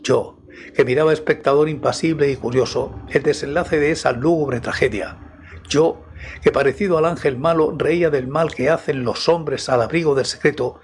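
Male reader doing a commanding older count; solemn, steady, authoritative. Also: medium pitch, close to an everyday voice. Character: commanding mysterious older nobleman, grave and calm.

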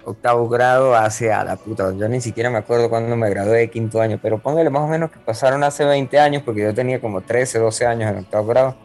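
A man's voice: medium pitch, fast, hardly any pauses, a little mellow, soft background music. A man in his late twenties with a Venezuelan accent, telling a story in a casual, rambling way and repeating words as a podcast co-host. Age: 20s.

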